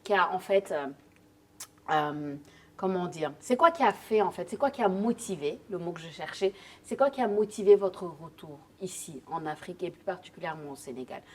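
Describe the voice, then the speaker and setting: A young woman from Senegal hosting a casual chat, upbeat and lively, dropping in English words. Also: lowish voice, normal speed, slightly rough. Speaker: podcast host.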